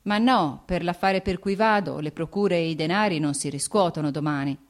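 A woman's voice: lowish voice, moderate pace, natural voice. A woman reading the lines of a proud young nobleman, clipped and tersely restrained. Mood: flustered.

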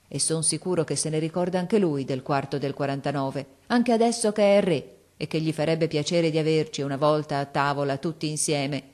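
A woman's voice: low voice, darkish tone, natural voice. A woman reading the part of a proud, emotional old army veteran who reminisces with heartfelt fervour.

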